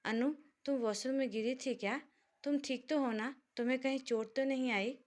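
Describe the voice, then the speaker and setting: A woman voicing an excitable, scolding young woman friend in a spoken story. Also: fairly high pitch, moderate pace, natural voice. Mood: excited, scolding. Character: irritable young wife's friend, dramatic woman.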